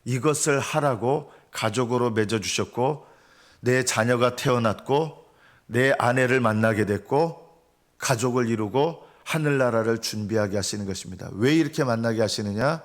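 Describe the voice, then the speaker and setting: Korean pastor preaching a dawn sermon. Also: male voice, mid-range voice, normal speed. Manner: earnest preaching with rhetorical questions. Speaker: senior pastor. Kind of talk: early-morning sermon.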